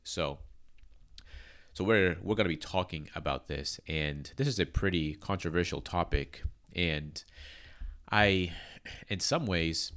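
A man's voice sits low and a bit bright as he speaks unhurriedly as a pastor on his church's podcast. Congested from allergies, he comes across earnest and careful, full of fillers and restarts.

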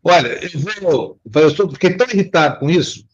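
Man, Brazilian accent, indignant political commentary, choppy buffering call audio that breaks up, dull lo-fi sound, husky voice. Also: a little high, a little fast. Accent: Brazilian Portuguese. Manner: indignant, emphatic, repeats words for stress. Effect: choppy, breaking-up internet audio. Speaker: political commentator on a web show. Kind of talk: heated political commentary over a video call.

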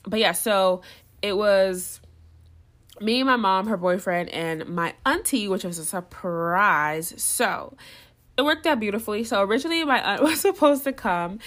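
A woman's voice: medium pitch, unhurried. A young woman telling a story in casual chat, full of "like" fillers, who acts out the voices of others as she talks. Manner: chatty, lots of "like" fillers; animated, acts out what others said.

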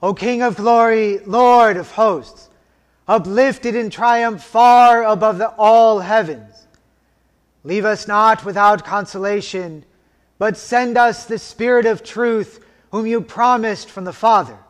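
Leading a liturgy, a male officiant intones prayers and scripture in a solemn, measured way. His high voice holds a steady tone and rings out with the long reverb of a cathedral.

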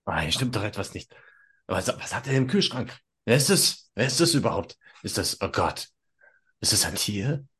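A man's voice: on the low side, sing-song, normal speed, a bit bright, slightly rough, exaggerated voice. A man voicing a small, nervous young gangster who is proud and protective, in a tabletop role-play. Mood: wary. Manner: jumpy, repetitive, earnest.

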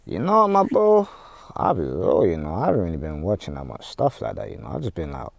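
A man's voice: low-pitched, huge pitch swings, a little fast, gravelly, no echo. A man with a London roadman accent, chatting casually as a podcast guest in heavy street slang full of tag phrases. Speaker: podcast guest, music artist.

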